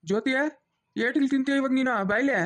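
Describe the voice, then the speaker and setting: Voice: sits high, fairly even intonation, fast talker, background noise, lightly acted. A cartoon voice of a stern, protective middle-aged village father, lecturing bluntly.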